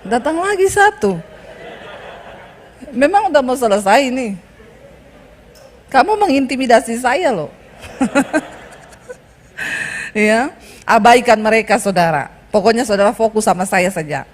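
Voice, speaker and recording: A woman's voice: a little high, expressive, measured pace, pauses often, long reverb tail, a little hiss or hum. A woman pastor from Indonesia giving an emphatic sermon, with chatty asides to the congregation. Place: church hall.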